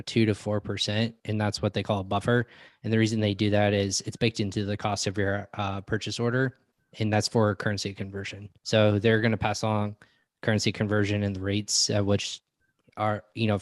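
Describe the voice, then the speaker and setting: A man's voice: lowish voice, dry recording. A man answering as an expert guest in an online Q&A, explaining things informally and step by step. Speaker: expert guest on supplier payments.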